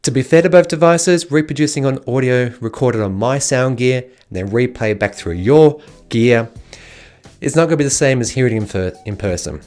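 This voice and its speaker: Male video host, medium pitch, casual gadget-review delivery over light guitar music. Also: normal speed, a little mellow. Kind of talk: casual product review narration. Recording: music playing behind the voice.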